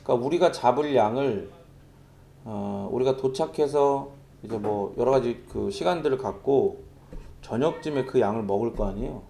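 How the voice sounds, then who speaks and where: A man's voice: medium pitch, moderate pace, creaky, dark tone, slight background noise. A middle-aged man preaching a sermon as pastor, talking in a conversational, storytelling way. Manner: conversational, storytelling with vivid sound imitations.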